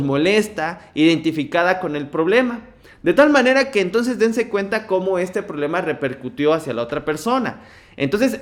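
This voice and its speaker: A man, explaining at length on a talk show in a rambling way with many hedges. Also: high voice.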